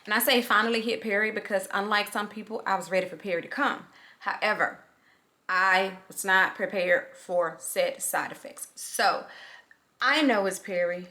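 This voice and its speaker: A woman's voice: medium pitch, normal speed, sharp tone. A middle-aged woman chatting casually in a get-ready-with-me vlog, rambling and repeating herself, talking with a swollen lip. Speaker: vlogger.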